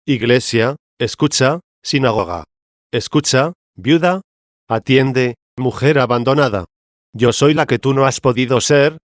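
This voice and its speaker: Audiobook: a man voicing the Church as a stern queenly woman, mid-pitched, solemn and reproving, dry close mic. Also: measured pace, no echo, close to an everyday voice. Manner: solemn, reproving debate reading. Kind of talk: audiobook reading of a theological dialogue.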